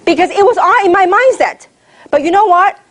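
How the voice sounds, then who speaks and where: This Hong Kong woman's very high voice moves at a brisk clip as she trains her network marketing audience. Her motivational talk in the meeting room is energetic and full of rhetorical questions aimed at the crowd.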